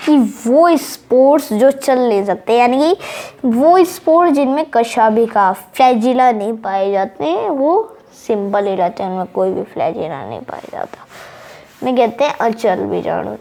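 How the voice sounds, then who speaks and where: A woman's voice: fairly high pitch, expressive, unhurried, mellow. A woman giving a casual online lesson, repeating key terms over and over as she drills their pronunciation. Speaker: teacher.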